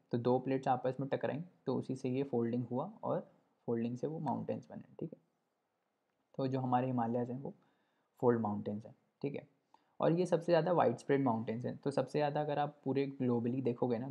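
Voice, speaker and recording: Gravelly, conversational male tutor. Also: medium pitch, mellow. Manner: conversational, repeats "ठीक है" often, checks understanding. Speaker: teacher. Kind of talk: explanatory lesson while drawing. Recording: dull lo-fi recording.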